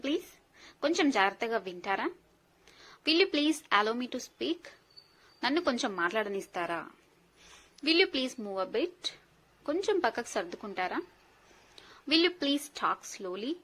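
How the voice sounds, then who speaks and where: Bright high woman, slow careful english drills then speedy translations. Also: rough recording. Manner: reads English phrases slowly, rattles off Telugu translations quickly. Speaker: English teacher. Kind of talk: slow phrase-by-phrase language lesson.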